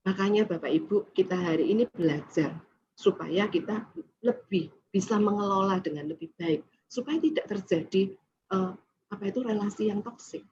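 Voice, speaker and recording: A woman giving a lively talk to parents, turning to the audience often and acting out family scenes. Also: medium pitch, normal speed, breathy edge. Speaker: parenting seminar speaker. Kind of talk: presentation to parents. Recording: dull lo-fi recording with faint noise.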